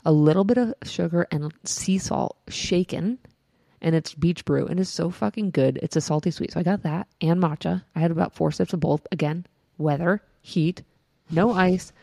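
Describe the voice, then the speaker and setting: A woman's voice: on the low side, normal speed, gravelly, mellow, dry recording, studio quality. A woman co-hosting a podcast, telling a rambling story in casual chat and swearing freely. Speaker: podcast co-host.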